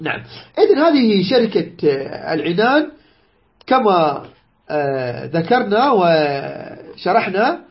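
A man teaching a lesson on jurisprudence, explaining a text unhurriedly, repeating key phrases and pausing with drawn-out "aah" sounds. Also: sits high, big pitch swings, highs cut off.

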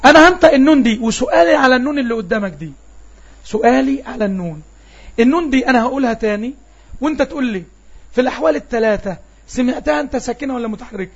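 A man's voice: very high voice, expressive, rapid-fire, vocal fry, breathy edge, lo-fi sound. A man with an Egyptian Arabic accent teaches an online Arabic lesson, patiently repeating sounds and quizzing his students.

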